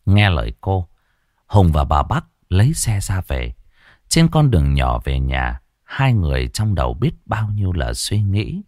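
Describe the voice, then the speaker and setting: A man narrating a ghost story with an expressive, varied delivery. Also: sits low, a little slow, dry recording, clean studio sound.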